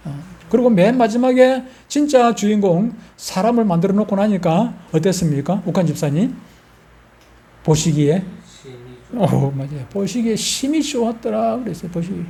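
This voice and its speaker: Older Gyeongsang pastor, folksy preacher who quizzes his flock; mellow, dark tone. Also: sits high, brisk, few pauses. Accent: Gyeongsang Korean. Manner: folksy, asks the congregation questions. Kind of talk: sermon.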